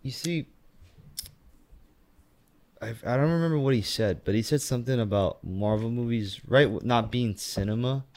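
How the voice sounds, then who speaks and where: A man's voice: mid-range voice, darkish tone. A young man with a mid-range voice chats as a podcast guest. He agrees often, teases his host, and keeps the tone easygoing. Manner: agreeable, teasing, quick back-channels. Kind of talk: casual podcast chat.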